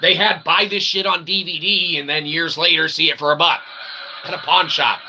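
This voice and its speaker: A fairly high, gravelly-voiced man, a solo streamer who hosts his own channel, rambles through a comic mock-philosophical monologue at a moderate pace and steady tone. Pompously wordy phrasing is broken up by crude language, and he punctuates statements with little tag questions, all over clearly audible ambient noise.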